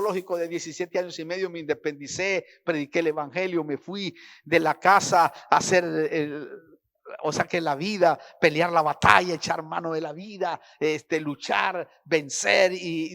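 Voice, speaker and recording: A man's voice: a little high, moderate pace, gravelly, a bit bright. Emphatic preaching man, middle-aged. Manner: emotional, emphatic preaching with rising intensity. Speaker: pastor. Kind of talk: sermon.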